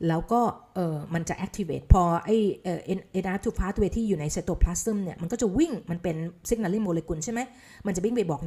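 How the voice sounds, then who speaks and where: A woman's voice: on the low side, mellow. A woman giving a casual spoken lecture on health science. She explains in a chatty way, drops English science terms into her talk and checks in with her listeners. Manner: asks listeners rhetorical checks. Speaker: health educator.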